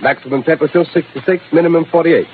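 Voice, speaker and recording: An actor playing a brisk, formal weather announcer in a 1930s radio drama, clipped and matter-of-fact. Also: male voice, on the high side, close to an everyday voice. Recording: scratchy, tinny 1930s radio broadcast.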